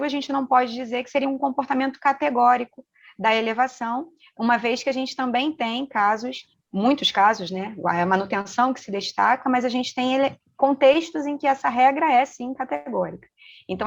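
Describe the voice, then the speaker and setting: A woman with a Brazilian Portuguese accent presents academic research remotely, speaking at a medium pitch in a measured, explanatory way. Her voice comes through a dull, lo-fi video call connection. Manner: measured explanatory delivery with frequent tag fillers. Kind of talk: academic conference talk.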